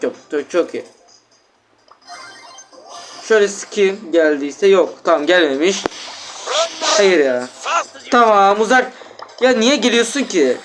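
Excitable young man commentating a game. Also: high-pitched, background noise. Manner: excitable, exasperated, talks straight to viewers. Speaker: gaming channel host. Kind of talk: live gameplay commentary.

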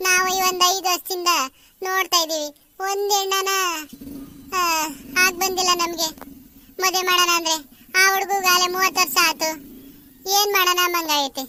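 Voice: extremely high pitch, fairly even intonation, moderate pace, long pauses, background noise. A performer voicing pleading village women at a temple in a cartoon. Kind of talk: cartoon voice acting.

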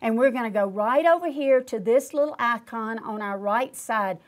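A woman's voice: a little high, moderate pace. Older woman teaching quilting, patient. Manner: patient, explains each click aloud. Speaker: quilting instructor. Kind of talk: step-by-step demonstration. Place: studio with quilting machine.

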